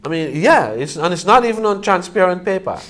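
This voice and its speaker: A middle-aged man reasoning casually in Rasta speech, emphatic and halting, often posing rhetorical questions. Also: high-pitched, very animated, fairly bright tone.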